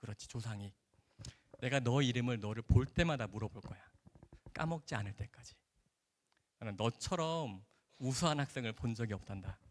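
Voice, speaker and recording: A man voicing an older male medical professor who speaks in a low, slow, fatherly way. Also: lively intonation, a little hiss or hum, natural voice. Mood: admiring.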